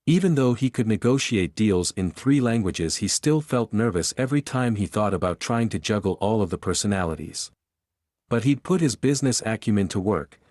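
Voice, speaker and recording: Low-voiced male audiobook narrator. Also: darkish tone, no room sound, studio quality. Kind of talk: scripted narration.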